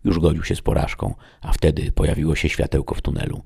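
A man narrating a sci-fi fantasy audiobook in a steady, dramatic storytelling manner. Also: extremely low pitch, fast, gravelly, husky.

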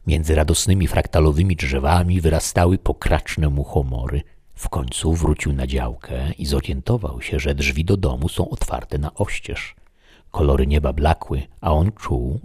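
Very deep husky male storyteller. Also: no echo, studio quality. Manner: steady, dramatic reading. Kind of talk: scripted horror story narration.

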